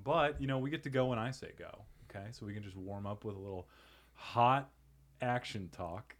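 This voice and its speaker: A man's voice: fairly low pitch, moderate pace, fairly bright tone, no echo. A man hosting a comedy podcast in a campy, theatrical, playful way, drawing out his words. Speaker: podcast host. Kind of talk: comedy advice podcast intro and banter.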